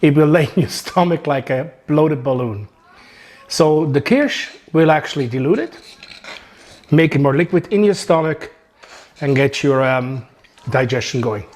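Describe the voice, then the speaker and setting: Swiss-accented male chef, slightly higher voice, chatty and joking, home kitchen demo. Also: a little slow. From Switzerland. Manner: chatty, joking, relaxed instructions. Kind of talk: home cooking demonstration.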